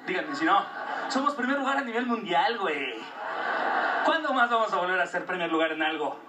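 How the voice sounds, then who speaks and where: Mexican man, stand-up comic, high lively voice, roomy distant sound, noisy. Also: a little fast. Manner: slangy, crude, self-mocking. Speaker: stand-up comedian. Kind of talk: stand-up routine. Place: comedy stage before an audience. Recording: roomy club audio, distant mic, noisy.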